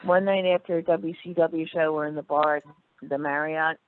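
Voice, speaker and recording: A woman's voice: sits low, moderate pace, a little hiss or hum. A middle-aged woman telling stories in casual chat, acting out the voices of people she quotes. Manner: animated, acts out quoted voices. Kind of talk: casual storytelling. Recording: tinny phone-like line, dry.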